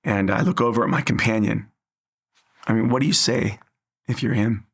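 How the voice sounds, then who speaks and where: A man's voice: lowish voice, steady tone, moderate pace, creaky, breathy edge. A man sharing an earnest personal faith story in an interview, acting out the dialogue as he tells it.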